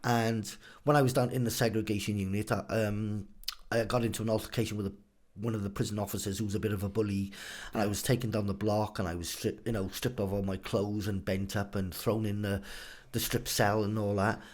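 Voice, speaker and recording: A man's voice: lowish voice, flat delivery, a little fast, darkish tone. A man, a podcast guest telling his story in a casual interview, often repeating words and saying "you know". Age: 50s.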